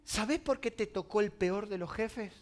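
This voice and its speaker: Argentine male pastor, high bright voice, dramatic sermon delivery with soft music beneath. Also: normal speed. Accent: Argentine Spanish. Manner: dramatic, swings from loud emphasis to quiet asides.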